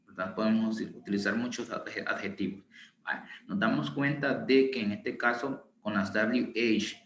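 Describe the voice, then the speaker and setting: A man teaching an online English lesson in Spanish, reading English examples slowly and explaining them patiently. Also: lowish voice, fairly bright tone, slight background noise. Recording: roomy echo with faint ambience.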